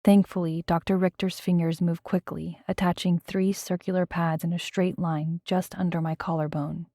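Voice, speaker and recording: A woman with a fairly low voice reads a first-person audiobook, and her telling is tense and dramatic. The recording is dry and close to the mic, with no room sound at all. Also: level tone, moderate pace, mellow, dry recording. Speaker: audiobook narrator.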